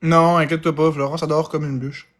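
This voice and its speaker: A man with a Québécois accent chatting casually on a live stream, quick and playful. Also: fairly high pitch, little pitch movement.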